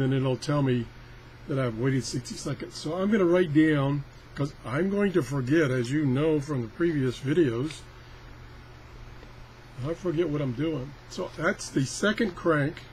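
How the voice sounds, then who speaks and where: An unhurried man with a somewhat mellow voice on the high side casually talks through a hands-on product test for a radio review. His rambling is folksy and self-deprecating, and the poor audio carries a little hiss or hum.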